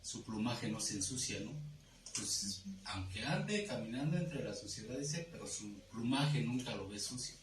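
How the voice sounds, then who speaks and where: A man's voice: medium pitch, lively intonation, moderate pace. A man taking part in a Bible study class, making thoughtful comments and often ending with tag questions. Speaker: class participant. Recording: distant mic in an echoey room with noise.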